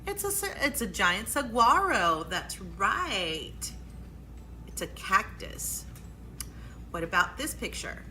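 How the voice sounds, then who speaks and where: In an echoey room with faint background noise, a woman runs a storytime for little kids. Her voice is medium in pitch, very animated, slow, and pushed bright, and she cheers the children on with exclamations and questions during songs and guessing games.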